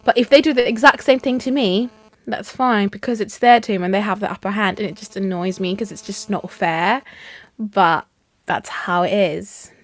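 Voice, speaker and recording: A young adult woman co-hosting a podcast, chatting casually and ranting with animated exasperation. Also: medium pitch, normal speed. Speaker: podcast co-host. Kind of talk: casual chat.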